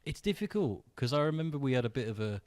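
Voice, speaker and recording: A man, a musician chatting on a podcast in a studio, who tells stories in an animated way and acts out what others said. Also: mid-range voice, quick pace, no echo. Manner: animated storyteller, acts out quoted exchanges. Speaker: musician guest. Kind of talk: casual podcast chat.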